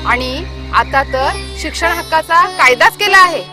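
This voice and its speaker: A woman playing a patient village schoolteacher who speaks calmly and persuasively. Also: high-pitched, unhurried, music in the background. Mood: earnest. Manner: calm, earnest, persuasive.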